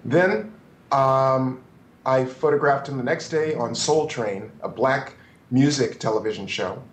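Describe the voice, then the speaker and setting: A man in his fifties, a photographer telling stories as an interview guest, animated and prone to restarts. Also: mid-range voice, normal speed, echoey room, poor audio. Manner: animated, restarts and acts out quotes. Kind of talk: anecdotal interview storytelling.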